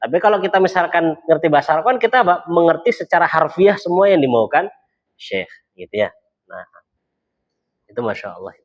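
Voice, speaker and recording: A man teaching an Arabic class in a relaxed, chatty way, often repeating words and acting out short dialogues. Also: a little high, fairly quick. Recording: dull lo-fi recording.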